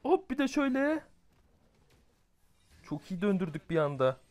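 Excitable young man narrating his game. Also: high-pitched, unhurried. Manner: excitable, swings between muttered grumbling and shouted outbursts. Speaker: gamer playing a mobile game. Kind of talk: casual gameplay commentary.

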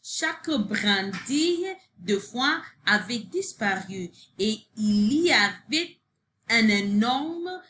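A woman reads a children's storybook aloud at a slow, careful pace. Her voice is bright and fairly high, with lively rises and falls. Each sentence is shaped for young listeners. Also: a little hiss or hum. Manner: slow, expressive reading. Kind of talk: bilingual storybook read-aloud.

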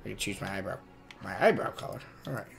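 A man's voice: on the low side, expressive, fast talker, vocal fry, over music. A man giving casual live-stream commentary while playing a game, swearing freely. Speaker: gaming streamer.

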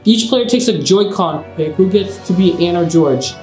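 A man's voice: high voice, lively intonation, normal speed, darkish tone. A young man doing casual let's play commentary and reading story text aloud. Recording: roomy echo, game music behind.

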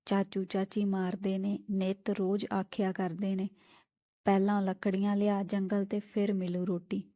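A woman voicing a frightened orphan boy of about nine, speaking slowly, softly and tearfully in a storybook reading. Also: mid-range voice, completely flat delivery, no room sound, clean studio sound, lightly acted.

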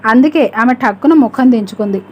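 A woman narrating an audiobook story in a steady, measured reading voice. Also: a little high, muffled recording.

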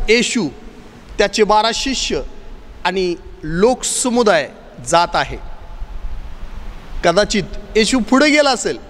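High-voiced preacher in a reverberant church. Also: male voice. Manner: repetitive, emphatic pleading refrains. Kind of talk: sermon.

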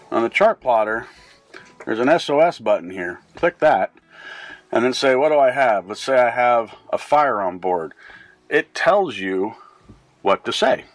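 This is an informal instructional vlog in which a middle-aged man with a North American accent chats through a how-to from a small boat cabin's helm. His voice is medium in pitch and a touch bright.

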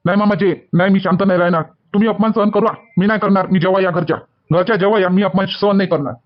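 A man's voice: high-pitched, fairly even intonation, rapid-fire, close to an everyday voice. A man with a Varhadi Marathi accent playing a touchy young son-in-law who scolds and repeats himself, angry at feeling slighted. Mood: aggrieved. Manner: shouting, repetitive scolding. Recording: dull lo-fi sound.

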